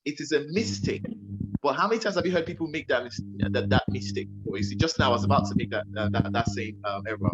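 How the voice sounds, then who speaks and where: A young Nigerian-accented radio presenter gives earnest, emphatic advice to a young interviewer, often repeating himself. His voice is mid-range and the sound is lo-fi.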